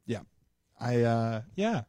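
A man's voice: mid-range voice, big pitch swings, takes it slowly, mellow. Hesitant man hosting a chat. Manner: hesitant, lots of ums and restarts. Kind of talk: casual chat.

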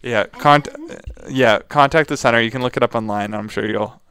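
A man's voice: mid-range voice, moderate pace, fairly bright tone, clean tone, no room sound. A man co-hosting a radio show in casual, unscripted chat, with hesitant, loose phrasing.

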